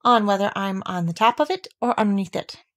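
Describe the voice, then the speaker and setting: A woman's voice: medium pitch, a little fast, a bit bright. A woman voicing a proud, simple, earnest male toy bear in a children's storybook, explaining things plainly.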